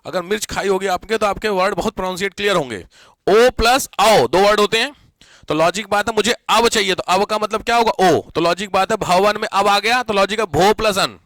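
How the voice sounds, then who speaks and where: A man's voice: sits high, fast, no echo, clean studio sound. A man teaching a live grammar class, quizzing and teasing his students as he goes. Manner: lively, teasing, questions students often.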